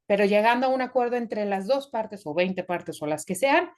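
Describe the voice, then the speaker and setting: A woman's voice: mid-range voice, lively intonation, moderate pace. A woman student in an online class on a video call, thoughtfully restating a concept in her own words.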